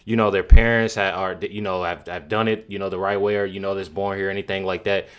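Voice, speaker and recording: A man's voice: lowish voice, fairly bright tone. A man hosting a reaction channel, talking casually and emphatically with many fillers and repeats. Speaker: commentary channel host.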